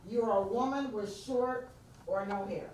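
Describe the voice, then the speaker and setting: Leading an interactive workshop, this deep-voiced New Yorker speaks at normal speed and keeps drawing her audience in with direct prompts. She's captured from far off the mic, her words ringing around a highly reverberant meeting room above a soft hiss.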